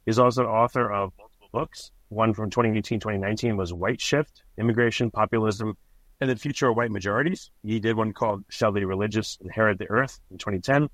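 A man's voice: fairly low pitch, fast talker, a bit bright, dry recording, rough recording. A man hosting a podcast, asking interview questions in a plain, conversational way. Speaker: podcast host.

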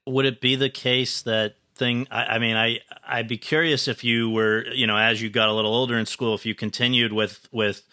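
A man's voice: medium pitch, little pitch movement, moderate pace, hardly any pauses, pushed and bright, no room sound, clean studio sound. A man hosting a podcast, reading a prepared introduction and then asking earnest, well-prepared questions. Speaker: podcast host. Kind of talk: scripted intro then interviewing.

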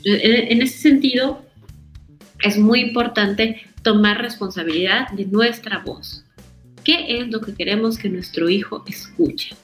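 A woman, a parenting guest expert, explains calmly. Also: mid-range voice, unhurried, echoey room, faint music behind. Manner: explains calmly, acts out scolding parents in a raised voice. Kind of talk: conversational podcast interview.

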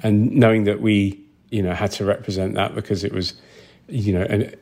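This interviewee, a man who works as a film sound designer, explains in a conversational, hesitant, reflective way with repeated words. His voice is fairly low, with fairly even intonation and a slightly mellow tone.

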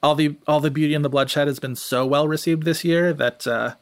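Higher-voiced man chatting, discursive and close. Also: brisk, clean tone, dry recording. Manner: discursive, self-interrupting. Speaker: podcast panelist. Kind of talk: casual analytical film-awards chat.

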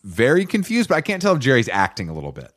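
A man co-hosting a podcast in casual chat, blunt, opinionated and quick to swear. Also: medium pitch, wildly swooping pitch, fairly bright tone. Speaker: podcast co-host.

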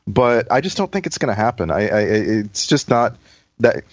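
A man's voice: fairly low pitch, sing-song, normal speed, no room sound. A man co-hosting a casual panel chat, stammering and restarting his sentences often. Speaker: podcast co-host.

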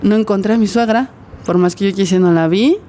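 A woman's voice: mid-range voice, a little fast, warm tone, a little hiss or hum. A woman with a Mexican Spanish accent, an interview guest giving an earnest personal testimony and vividly acting out what others said.

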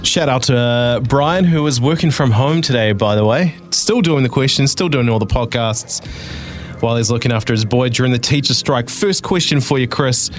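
A man's voice: medium pitch, moderate pace, soft background music. A man with a New Zealand accent presents casually on live sports radio, as a sports desk voice and quizmaster.

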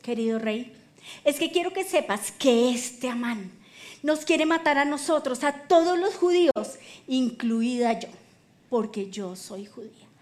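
A woman preacher speaks as a young queen torn between fear and resolve, earnest and pleading in a high voice. The delivery stays close to the preacher's own. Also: animated, a little slow, darkish tone.

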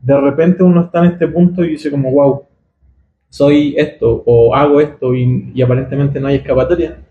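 A man's voice: mid-range voice, steady tone, moderate pace, reverberant, lo-fi sound, slight background noise. A man from Chile, a guest illustrator, talking reflectively and hesitantly in a casual interview in a booth at a festival. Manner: reflective, hesitant, searching for words.

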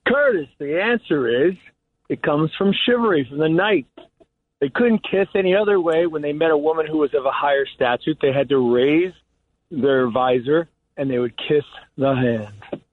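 A man's voice: on the high side, normal speed, dry recording. A man calling in to a radio show over the phone, explaining an answer. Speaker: phone-in caller. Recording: narrow tinny phone line.

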